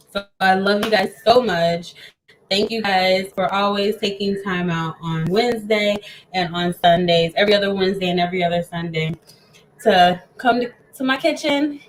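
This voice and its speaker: A woman's voice: mid-range voice, slight background noise, rough recording. A woman hosting a casual home cooking show, chatting eagerly with her viewers as friends while she eats with her mouth full. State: eating, talking with mouth full.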